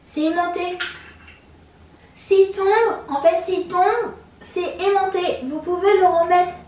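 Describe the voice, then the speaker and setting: A woman with a very high voice presents makeup shades one by one, pausing on fillers and repeating each name. She sounds set back from the mic in a strongly echoing room. Her delivery is slow and halting. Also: steady tone, darkish tone, distant mic. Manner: hesitant, many fillers, repeats colour names. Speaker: makeup vlogger. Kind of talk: casual product show-and-tell. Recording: roomy echo, from off the mic.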